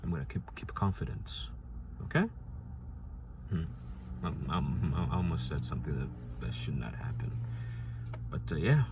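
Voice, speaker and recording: Deep-voiced man rambling through his picks. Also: lively intonation, a little slow, vocal fry, heavy background noise. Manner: rambling, frequent restarts and fillers; insistent, repeats points for emphasis. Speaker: football fan channel host. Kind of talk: casual fan prediction vlog.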